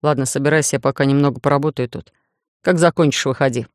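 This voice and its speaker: A woman voicing a bossy, jealous young man in a romance audiobook, gruff and grumbling. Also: rumbling low, fairly even intonation, fast, no room sound, studio quality.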